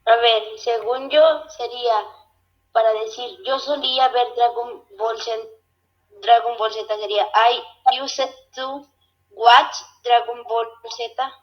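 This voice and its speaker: A woman student answering in class, hesitant and slowly sounding out the English words. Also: fairly high pitch, steady tone, muffled recording.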